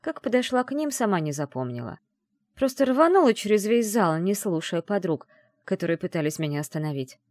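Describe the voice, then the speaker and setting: A woman narrating a first-person fantasy story in an expressive storytelling manner. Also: mid-range voice, a little fast, no room sound, studio quality. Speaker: audiobook narrator.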